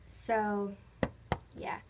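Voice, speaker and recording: Speaking very slowly, the host of a toy video channel narrates an informal, rambling vlog that often trails off. The recording is very noisy, made indoors on a handheld phone close to her.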